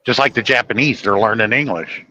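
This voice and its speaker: A man's voice: mid-range voice, brisk, sharp tone, muffled recording, a little hiss or hum. A man hosting a podcast, telling stories and insisting on his point in a rambling casual chat. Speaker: podcast host.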